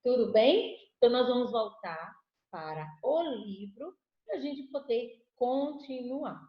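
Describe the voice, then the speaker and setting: A woman's voice: a little high, lively intonation, slow pace. A Brazilian Portuguese-speaking woman teaching an online lesson, patiently asking the class questions and answering them herself. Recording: echoey room, dull lo-fi audio.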